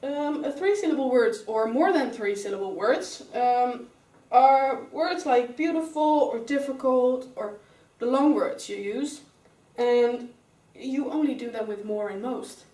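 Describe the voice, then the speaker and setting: In an echoey classroom recorded from far away, a young student teacher with a Dutch accent goes through English grammar rules one at a time and calls pupils by name. Her slightly high voice has a dark tone, and she speaks unhurriedly with hardly any pauses.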